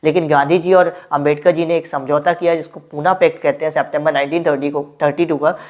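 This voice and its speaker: Woman teacher, deep voice, mix, lesson with rhetorical questions. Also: steady tone, fast talker, darkish tone. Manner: explains with frequent rhetorical questions. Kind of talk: exam-prep history lesson.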